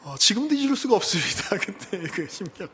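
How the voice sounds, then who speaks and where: A man's voice: high voice, sing-song, brisk, a bit bright, a little hiss or hum. A young male pastor giving a conversational sermon. He acts out dialogue, laughs often and drops into whispers.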